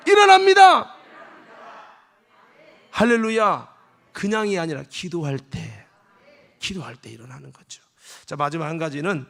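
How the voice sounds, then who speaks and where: A man preaching a sermon as senior pastor in a church, animated, acting out scenes in dialogue and leading the congregation in shouted responses. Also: on the high side, vocal fry. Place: church sanctuary.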